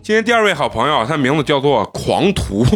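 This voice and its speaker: 一位带陕西口音普通话的男播客主持，在轻松闲聊、念听众留言并致谢。. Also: male voice, mid-range voice, big pitch swings, fairly quick, fairly bright tone, soft background music. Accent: Shaanxi-accented Mandarin. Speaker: podcast host. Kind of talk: casual banter and listener shout-outs.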